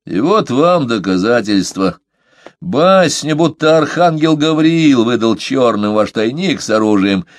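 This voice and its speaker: A man's voice: mid-range voice, expressive, measured pace, dry recording, pitched above the performer's own voice, lightly acted. Man doing a nasal, sneering sailor. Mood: sardonic. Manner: sneering, lecturing. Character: sardonic scheming male sailor.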